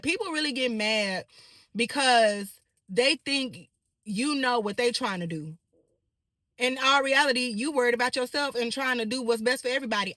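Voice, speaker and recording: A woman in her thirties telling viewers a personal story in a casual, animated way, talking straight to her audience. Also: sits high, dry recording, studio quality. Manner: animated, direct address to the audience.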